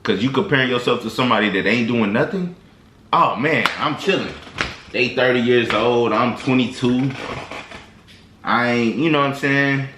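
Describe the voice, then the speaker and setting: A man of medium pitch talks at normal speed against a noisy background, in an echoey room. He's a vlogger delivering loose, slangy motivational talk to camera, full of rambling and restarts.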